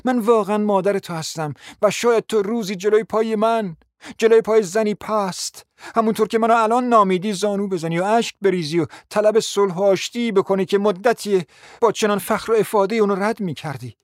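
A proud, scheming middle-aged mother , played by a man in a radio drama, pleading and insisting at length in a high voice. The recording is dry and close, with no room sound. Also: no room sound, close to an everyday voice. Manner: pleading, insistent and long-winded.

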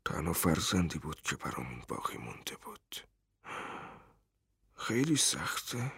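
A man voicing a grieving elderly father who talks softly and haltingly. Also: on the low side, expressive, no echo, clean studio sound. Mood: numb. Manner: soft, hushed, halting.

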